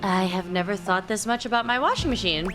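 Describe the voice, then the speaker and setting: A woman's voice: medium pitch, brisk. A woman gamer reacting casually to a dating sim as she plays, with game music behind her.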